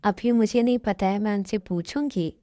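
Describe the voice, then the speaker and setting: A woman voicing a gentle, hurt young wife who pleads softly, in a fan dub. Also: medium pitch, normal speed, no room sound, clean studio sound, natural voice. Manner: soft, pleading.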